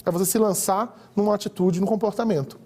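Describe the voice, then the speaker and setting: Earnest Brazilian psychologist, mellow voice. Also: male voice, sits high, fairly even intonation, a little fast. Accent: Brazilian Portuguese. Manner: earnest, teaching tone with quoted examples. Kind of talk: church talk on parenting.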